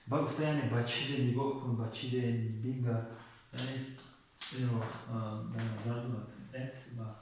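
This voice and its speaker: A man teaching an English lesson slowly, with many pauses and fillers. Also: medium pitch. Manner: slow, hesitant explaining with many fillers. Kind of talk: informal language lesson. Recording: echoey room, distant mic, noise.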